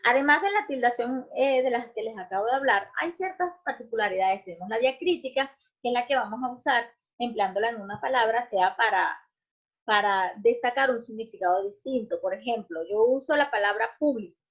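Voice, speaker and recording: A woman's voice: on the high side, brisk. Woman teaching, muffled recording. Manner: explanatory, checks in with "¿ok?" and "¿verdad?", frequent restarts and "este" fillers. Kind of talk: recorded grammar lesson.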